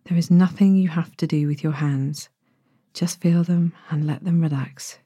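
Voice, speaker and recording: A woman with a soft, breathy voice that slips toward a whisper, gently guiding a bedtime relaxation in the soothing, unhurried manner of a sleep story narrator. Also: low voice, steady tone, no echo, clean studio sound. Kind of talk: guided bedtime body-scan meditation, sleep story narrator delivery.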